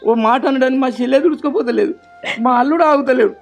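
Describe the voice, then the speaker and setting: A man's voice: very high voice, fast, vocal fry, soft background music. An actor with a Telangana Telugu accent playing a grieving older father who laments at length. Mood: lamenting. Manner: pleading, lamenting in long rural laments. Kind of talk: family web drama acting.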